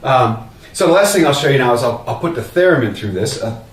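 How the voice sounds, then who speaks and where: A man casually demonstrating a vocal effects pedal, explaining in a relaxed way with fillers and restarts. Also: medium pitch, a little fast. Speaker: product demonstrator. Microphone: open vocal mic at a distance. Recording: roomy, distant mic, faint hum.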